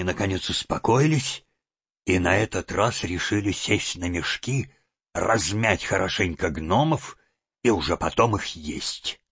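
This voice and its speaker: A man's voice: lowish voice, a bit bright, breathy edge, no echo. A man narrating an audiobook in a dramatic storytelling manner. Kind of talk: expressive scripted narration. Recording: dull lo-fi audio.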